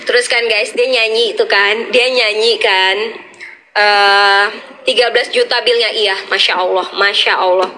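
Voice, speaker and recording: A young woman, telling a story as a vlogger in a casual, excitable way and repeating herself often. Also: mid-range voice, unhurried, a little hiss or hum.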